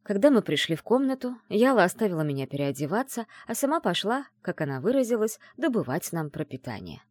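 A woman narrating a first-person fantasy audiobook, her pitch rising and falling with lively expression. The recording is dry and close, with no room around her voice. She tells the story with steady, engaged storytelling. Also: a little fast, few pauses, no room sound. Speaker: audiobook reader.

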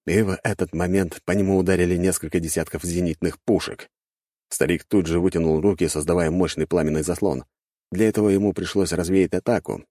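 A man narrating an action-fantasy audiobook in a dramatic, expressive storytelling manner. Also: low voice, no room sound, studio quality. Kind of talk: scripted narration.

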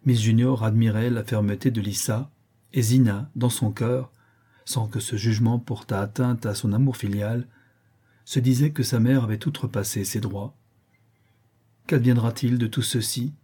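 A man reading a novel aloud as an audiobook narrator, in a measured, even manner with a husky voice. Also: lowish voice. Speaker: audiobook reader.

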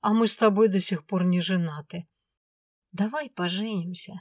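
A woman's voice: medium pitch, normal speed, breathy edge, no echo, clean studio sound, natural voice. A woman reading an audiobook voices a possessive male dragon who grumbles and coaxes. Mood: coaxing. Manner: pleading and grumbling. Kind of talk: audiobook character voice.

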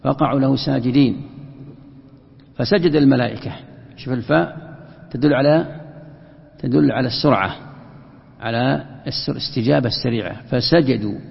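Guy giving a quran lesson, very gravelly voice, asks stuff then answers it, long hall echo. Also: medium pitch, normal speed, pauses often. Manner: asks and answers his own questions. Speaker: Quran teacher. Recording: dull lo-fi sound in a reverberant hall.

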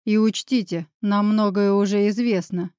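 A woman's voice: medium pitch, fairly even intonation, moderate pace, dark tone, clear, resonant tone, dry recording, close to an everyday voice. A woman reading the part of a stern, demanding young man in an audiobook, voice close and dry. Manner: curt, demanding. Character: stern determined young man, narrator-hero.

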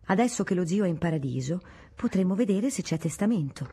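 A woman reading the part of a sharp-tongued noblewoman who contests a will, in an ironic, insistent tone. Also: on the low side, expressive, fast talker, breathy edge. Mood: cool. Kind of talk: audiobook reading.

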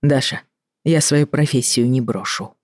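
A reader voicing a tired, fed-up middle-aged doctor in an audiobook, reproachful and measured. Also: medium pitch, darkish tone, no room sound, studio quality, lightly acted. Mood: weary. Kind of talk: audiobook reading.

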